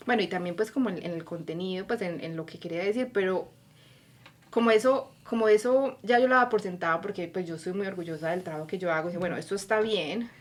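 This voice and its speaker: A woman's voice: lowish voice, steady tone, quick pace. A woman from Colombia with a Colombian accent, a podcast guest telling her life story animatedly and acting out her own inner voice. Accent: Colombian Spanish. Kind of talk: casual interview conversation.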